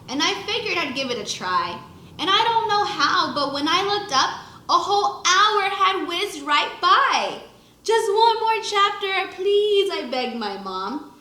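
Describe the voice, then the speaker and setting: A first grade teacher with a high, sharp-toned voice reads a children's book expressively to her young pupils, acting out the lines and adding brief explanations. The sound is reverberant, with slight background noise.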